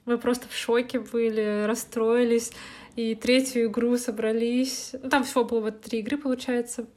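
A woman co-hosting a podcast, telling things in an animated, slangy, conversational way. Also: a little high, moderate pace. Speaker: podcast co-host. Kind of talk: casual chat.

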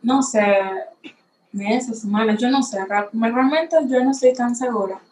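A nineteen-year-old woman from the Dominican Republic hosts a podcast, facing a camera as she shares a personal faith testimony. Her voice is fairly high and a little mellow, and she speaks in an unhurried, reflective, slightly unsure way. The recording is rough and reverberant.

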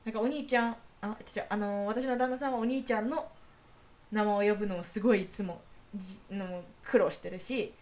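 A woman co-hosting a podcast in casual chat, chatty and quick to laugh. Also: mid-range voice, fairly even intonation, darkish tone. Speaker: podcast co-host.

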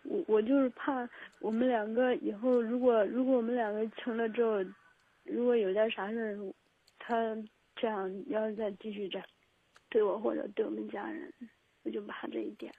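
A woman's voice: fairly high pitch, flat delivery, no echo. Hesitant woman caller on a tinny phone line. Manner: hesitant, quiet, halting. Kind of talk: phone-in call.

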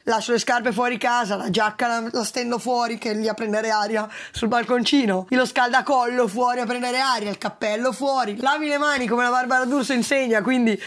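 A woman's voice: on the high side, fairly even intonation, brisk, hardly any pauses, a bit bright. A woman, a food delivery rider being interviewed, explains in casual, detailed, step-by-step conversation.

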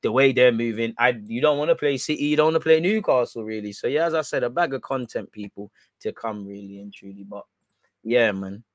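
A man's voice: medium pitch, a little fast, dry recording, studio quality. A man with an urban London roadman accent, chatting casually and slangily as the host of a football fan livestream. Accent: London, urban street. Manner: conversational, slangy, roadman-style speech. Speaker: football fan channel host, live streamer.

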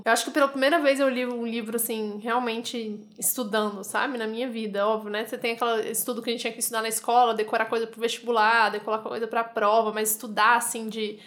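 A woman's voice: a little high, flat delivery, fast talker, hardly any pauses, a bit bright. A Brazilian woman co-hosting a podcast, talking in a casual, conversational way. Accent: Brazilian Portuguese. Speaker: podcast co-host. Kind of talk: casual chat.

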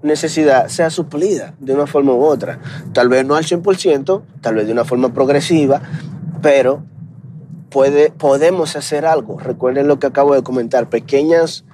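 A man's voice: mid-range voice, normal speed, mellow, slight background noise. A man with a Dominican accent hosting a podcast, speaking in an earnest, encouraging, conversational way. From Dominican Republic. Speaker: podcast host. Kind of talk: motivational podcast monologue.

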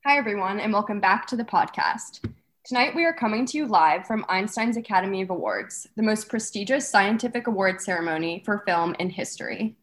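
A woman's voice: mid-range voice, brisk, a little hiss or hum, lightly acted. A young woman playing a bubbly red carpet host in a scripted student comedy sketch. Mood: upbeat. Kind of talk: scripted mock awards-show hosting.

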